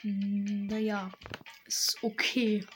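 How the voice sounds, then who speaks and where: Female game streamer, slow-paced, hesitant and self-deprecating. Low-quality stream audio from a tablet mic, music underneath. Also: monotone. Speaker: gaming streamer. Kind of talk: casual gameplay commentary. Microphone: built-in tablet microphone, no separate mic.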